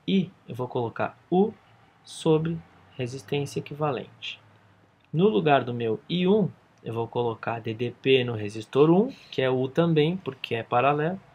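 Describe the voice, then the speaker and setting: Male physics teacher, husky, gravelly voice, walks students through each step. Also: medium pitch, animated, moderate pace, a little mellow. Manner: explains step by step, checks in with "tá?" and "ok?". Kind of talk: whiteboard physics lesson.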